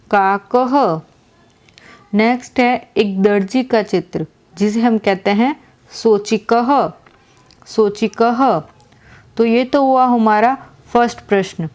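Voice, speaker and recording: A woman teacher explaining a lesson slowly, asking questions and repeating each answer. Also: a little high, darkish tone. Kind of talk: slow classroom explanation.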